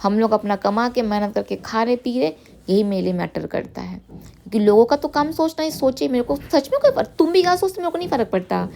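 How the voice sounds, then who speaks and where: Defiant hurt woman with a gravelly voice. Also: a little high, animated, a little fast, dark tone, a little hiss or hum. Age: 30s. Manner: defiant, repetitive, emotionally hurt; mixes English words into speech. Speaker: vlogger. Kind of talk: emotional vlog outburst.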